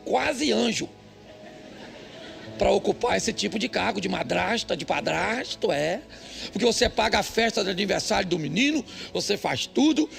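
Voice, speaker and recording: An older male pastor with a Brazilian Portuguese accent, preaching a humorous sermon with jokey, emphatic storytelling and sudden high outbursts. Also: creaky, fairly bright tone. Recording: faint music behind.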